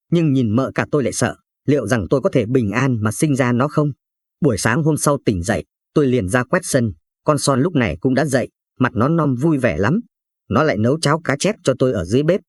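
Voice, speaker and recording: A man narrating an audio story in a calm, steady reading voice. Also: medium pitch, slightly rough, no echo, clean studio sound.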